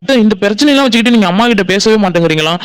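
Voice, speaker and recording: A man's voice: sits high, expressive, smooth. A man voicing an earnest young village man in a cartoon, pleading and reassuring his aunt. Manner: pleading, reassuring, talks fast. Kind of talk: Tamil cartoon voice acting.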